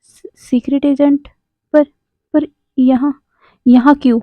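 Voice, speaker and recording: A woman's voice: sits high, steady tone, slow pace, no room sound. A woman voicing a hurt, defensive young man who stammers and breaks off his words. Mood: stunned. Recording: dry, tinny phone-like sound.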